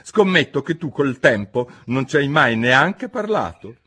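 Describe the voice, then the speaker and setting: A man's voice: mid-range voice, very animated, unhurried, fairly bright tone, slightly rough, pitched above the performer's own voice, heavily acted. A man reading an audiobook, voicing a scornful, touchy eccentric hatter in a raised, emphatic, mocking voice. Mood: scornful, lecturing.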